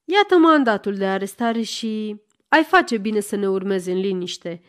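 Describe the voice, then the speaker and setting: A woman's voice: medium pitch, expressive, lightly acted. A woman reading an audiobook and voicing a stern, formal male police detective.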